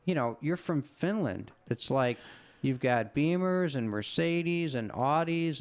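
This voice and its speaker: Gravelly middle-aged man telling a story. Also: fairly high pitch. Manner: rambling anecdote-telling with frequent profanity. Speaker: podcast co-host. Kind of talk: casual storytelling chat.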